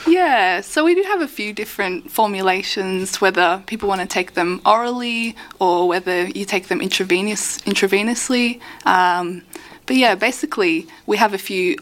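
This is a woman speaking as a research guest on radio. Her pitch is average for a woman. She explains technical material conversationally from a studio. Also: normal speed, fairly bright tone, rough recording. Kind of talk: explanatory interview talk.

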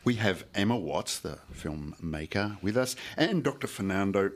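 A man with a deep, low voice hosts a radio interview. He talks in a chatty, playful way and teases his guests lightly. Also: lively intonation, moderate pace. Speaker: radio host.

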